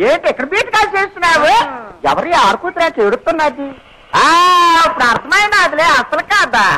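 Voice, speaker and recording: A shrill, teasing old-film police constable. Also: male voice, exaggerated voice, rough recording. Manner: loud, teasing and scolding, full of rural wordplay. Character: nosy, joking male railway police constable. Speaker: comic railway police constable. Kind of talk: 1980s Telugu film comedy. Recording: old film soundtrack with loud crowd noise.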